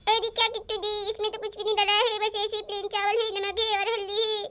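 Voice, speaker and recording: A woman voicing a chatty little girl in a doll-house cartoon story, tattling quickly about her older sister. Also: very high voice, level tone, sharp tone, slight background noise, pitched above the performer's own voice.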